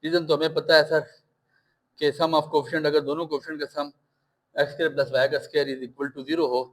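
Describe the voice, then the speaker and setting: A man's voice: on the high side, fairly bright tone, low-quality recording. Reassuring male maths teacher, Pakistani Urdu accent. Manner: coaxing, reassuring, mixes English maths terms into Urdu, calls students sir and bachay. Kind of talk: recorded maths lesson.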